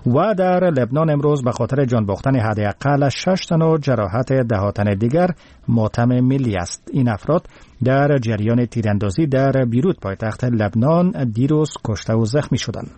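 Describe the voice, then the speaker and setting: A man's voice: mid-range voice, animated, warm tone, no room sound. A man with an Afghan accent reading scripted news headlines formally.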